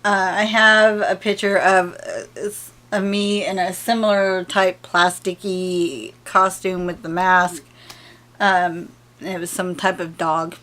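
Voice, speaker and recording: A woman's voice: on the low side, level tone, slow, fairly bright tone. A woman vlogger in casual, playful chat who often breaks into giggles while reading out survey questions.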